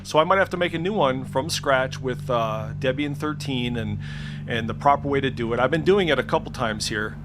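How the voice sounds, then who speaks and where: Music plays in the background as a man at his computer indoors walks through some tech on a casual, unscripted screen share. As a tech video creator, he speaks briskly at medium pitch, hesitant and thinking aloud, with the occasional mild swear.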